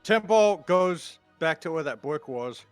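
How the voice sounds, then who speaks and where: Man, tabletop player, fairly high voice, in-character action calls, faint music behind. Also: expressive, measured pace, clear, resonant tone. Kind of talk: in-character play and third-person action calls.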